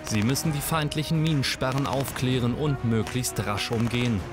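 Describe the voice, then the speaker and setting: A man's voice: medium pitch, normal speed. A man reading scripted narration for a military documentary. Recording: voice-over with loud music bed.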